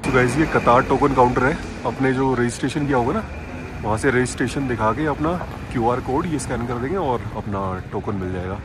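A man with a medium-pitched voice, speaking a little fast, chats eagerly and informally to viewers as he travels in the mountains. This vlogger uses English words here and there, and the outdoor audio includes vehicle sounds.

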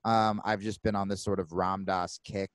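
Male podcast host, animated casual talker, swears a lot. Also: low voice, clear, resonant tone, no echo. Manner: animated, swearing, quick asides. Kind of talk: casual chat.

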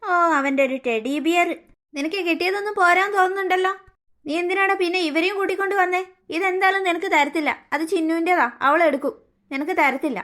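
Woman doing a cartoon aunt, bossy, haughty, scolding, threatening, very high voice. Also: fast talker, fairly bright tone. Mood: scornful. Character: scheming haughty adult aunt, mean and bullying. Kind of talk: cartoon story voice acting.

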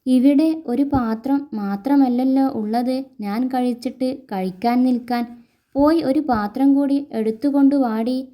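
Gruff young drinker, read by a woman storyteller, rough-spoken but kind, mellow tone. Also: fairly high pitch, fairly even intonation, slow pace. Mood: scolding. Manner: blunt and rough, turning gentle.

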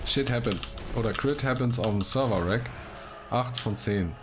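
In a clear recording made at home, a man with a mid-range voice talks at a moderate pace, with typing and background noise audible. He's doing easygoing let's play commentary, reading quests aloud. He's colloquial and chatty and often breaks into exclamations.

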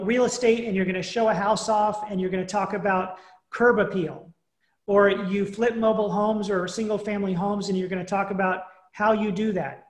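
A man with a high voice gives energetic, direct marketing advice in an online webinar. The sound is roomy. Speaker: marketing presenter. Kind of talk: webinar presentation.

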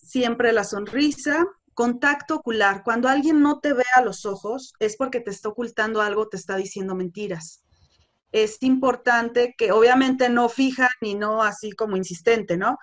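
A woman leads a course on customer service. Her voice sits a little high, and she explains at an easy, instructive pace, leaning on fillers like "este" and "pues". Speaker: sales trainer.

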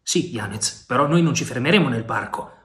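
Fierce brooding pirate chief, a man voicing him, low and heavy, storybook adventure. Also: lively intonation, a little fast, fairly bright tone, lightly acted. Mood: intense.

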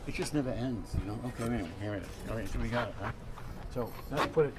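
A man's voice: mid-range voice, fast. An older man hosting a cooking video at an outdoor grill, rambling through a long anecdote with frequent chuckles and repeated words. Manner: chatty, laughs often, repeats words. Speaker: cooking show host. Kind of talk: rambling storytelling while cooking. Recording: noisy outdoor recording with traffic. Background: outdoor ambience, passing traffic.

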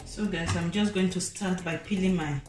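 A woman with a fairly low voice walks through a home cooking demo in a casual, chatty way, looping back on herself with fillers. Her kitchen sounds roomy and echoey, with soft music playing underneath. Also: fairly even intonation, normal speed. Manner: chatty, repeats fillers like "so guys" and "you know". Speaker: cooking vlogger. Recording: echoey room with faint background music.

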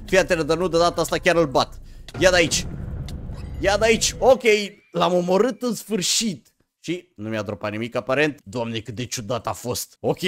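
A young man giving excited gameplay commentary, talking straight to viewers and swinging from hushed murmurs to sudden yelps. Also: on the high side. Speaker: gaming YouTuber. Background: game music.

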